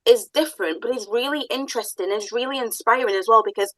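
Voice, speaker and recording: Woman, podcast host; high, bright, dry close sound, chatty and enthusiastic. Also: quick pace, dry recording, rough recording. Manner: chatty, enthusiastic, animated storytelling. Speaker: podcast host, business owner. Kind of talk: casual podcast conversation.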